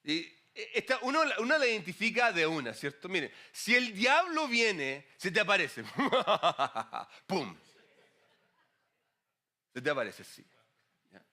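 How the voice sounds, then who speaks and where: Bright-voiced male pastor preaching. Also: high voice, measured pace, pauses often. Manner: conversational, animated preaching with asides to the congregation. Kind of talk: sermon.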